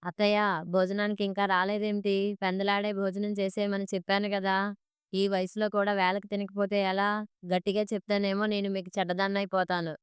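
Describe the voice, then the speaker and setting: A woman voicing a caring young daughter-in-law who gently insists in a storybook tale. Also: mid-range voice, little pitch movement, moderate pace, clean tone, dry recording, studio quality, natural voice. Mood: coaxing.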